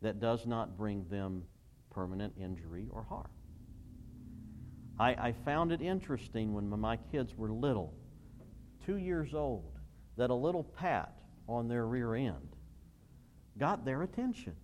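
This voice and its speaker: A middle-aged man preaching a sermon as pastor, emphatic, rising to loud bursts and reading scripture aloud. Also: mid-range voice, animated, a little slow, long pauses, a little hiss or hum. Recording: long reverb of a large church hall.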